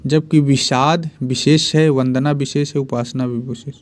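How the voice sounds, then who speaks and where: A man's voice: mid-range voice, fairly even intonation, measured pace. A man teaching Hindi spelling and grammar for exams, repeating each word and answering his own questions. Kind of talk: exam-prep lesson.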